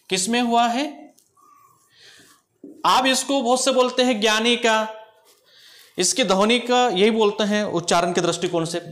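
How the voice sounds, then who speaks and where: A man's voice: high-pitched, fairly bright tone. A man teaching a grammar lesson, explaining step by step and often checking that the students follow.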